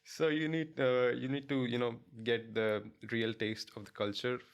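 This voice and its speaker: A young Indian international student chats casually as an interview guest in English, his second language, with an Indian accent. His voice is medium-pitched, level, and clean at a normal speed, and he hesitates with many fillers and restarts while laughing easily.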